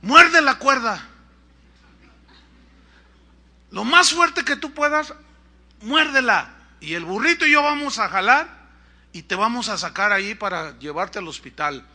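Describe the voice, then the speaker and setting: A man voicing an eager, helpful male mountain peasant, calling out loudly. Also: high voice, brisk, few pauses, full character voice. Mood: urgent. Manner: loud, eager, excited.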